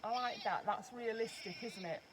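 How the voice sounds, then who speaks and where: A woman's voice: a little high, normal speed, noisy background. A woman vlogging a casual unboxing, chatting and explaining each step as she handles the doll.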